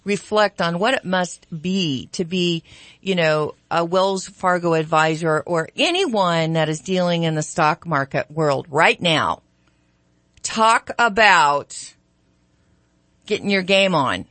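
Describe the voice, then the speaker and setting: A woman's voice: fairly low pitch, expressive, slow, a bit bright, dry recording. Reflective, rambling woman co-hosting dry-sounding radio. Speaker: radio show co-host. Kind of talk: casual, ad-libbed morning radio talk. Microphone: studio broadcast microphone.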